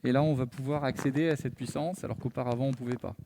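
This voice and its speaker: A man's voice: mid-range voice, steady tone, quick pace, dark tone, slight background noise. A man on a panel giving a careful technical explanation, hesitating often with fillers. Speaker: panel speaker, engineer.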